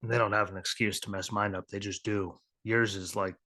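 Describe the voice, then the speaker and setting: A man with a low voice throws in offhand jokes during casual podcast banter. His voice comes through dry and close, with no room sound. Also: little pitch movement, normal speed, bright, forceful tone, dry recording. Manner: joking, offhand. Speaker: podcast co-host.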